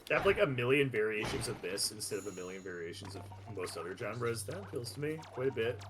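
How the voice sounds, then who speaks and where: An animated man rambles and jokes on a livestream, his voice jumping up in bursts. He talks at an ordinary middle pitch. Clear music plays behind him the whole time. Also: fast talker. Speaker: co-host friend on stream. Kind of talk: casual chat.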